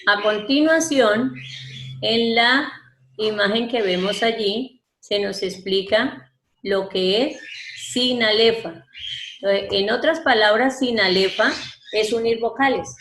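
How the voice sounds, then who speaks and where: A woman's voice: on the high side, a bit bright, reverberant, slight background noise, low-quality recording. A woman teacher giving an online lesson, patiently explaining verse step by step and stretching out syllables as she counts them. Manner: patient, step-by-step, addresses student formally. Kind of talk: online class explaining poetry.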